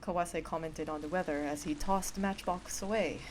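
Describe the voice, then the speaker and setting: A woman streamer reading visual novel narration aloud in an expressive, playful way. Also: fairly low pitch, moderate pace, slight background noise. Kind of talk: reading narration with casual asides.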